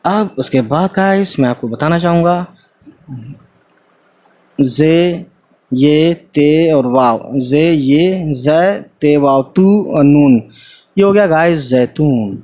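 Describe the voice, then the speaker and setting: A man's voice: fairly high pitch, slow, a little mellow. A man teaching Urdu in a casual online lesson, spelling out each word letter by letter and often talking to viewers as guys, with English fillers mixed in.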